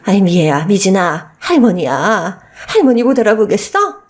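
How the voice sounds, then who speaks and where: In this radio story, an older woman performs the part of a shameless, scornful old mother-in-law, coaxingly wheedling and pleading with long, emphasized words. The delivery is very animated, at medium pitch, in her natural voice.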